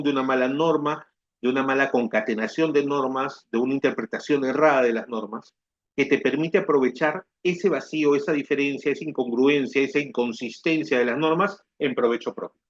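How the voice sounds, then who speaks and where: A Peruvian tax instructor with a mid-range voice gives a recorded lecture, explaining things step by step. He keeps asking "¿ya?" to make sure his students follow. The sound is lo-fi.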